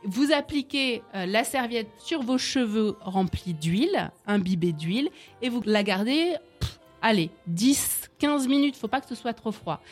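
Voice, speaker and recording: A woman's voice: a little high, lively intonation, measured pace, soft background music. Chatty woman explaining beauty remedies. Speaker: beauty book author guest. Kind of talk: casual radio chat.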